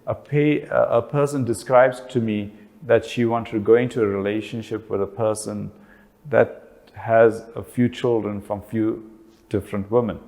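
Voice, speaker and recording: A man's voice: lowish voice, fairly even intonation, moderate pace, a little mellow. A man with a South African accent giving a talk on family relationships, often asking questions and then answering them himself. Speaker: speaker. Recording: long reverb of a hall.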